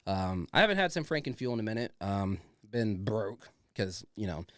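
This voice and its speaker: Male podcast host, chatty and enthusiastic, lively pitch swings, close dry sound, informal and sweary. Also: normal speed, no echo. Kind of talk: casual chatty show introduction.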